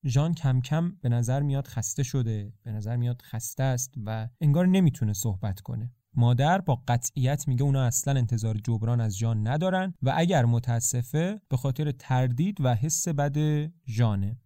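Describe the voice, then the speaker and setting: A man narrating the story of a play in a calm, conversational retelling. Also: mid-range voice, hardly any pauses, no echo, clean studio sound.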